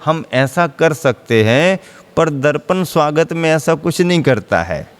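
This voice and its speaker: A male preacher with a slightly raised voice delivers his sermon at an unhurried pace. His delivery is smooth and resonant. He repeats his main lines and answers his own questions. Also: a little high, animated, big-room sound. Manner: slow, measured, repeats key phrases, asks and answers own questions. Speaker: Jain monk preacher.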